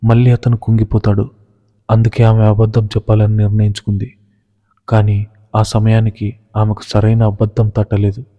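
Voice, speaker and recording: A man telling a dramatic story in measured, scripted narration. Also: fairly low pitch, completely flat delivery. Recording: reverberant, dull lo-fi recording.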